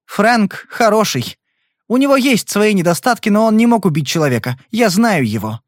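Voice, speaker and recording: A man's voice: sits high, animated, moderate pace, no echo, studio quality, voice pushed up. A man voicing a fierce, defensive middle-aged wife in an audiobook, speaking in an insistent, protective way. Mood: defiant.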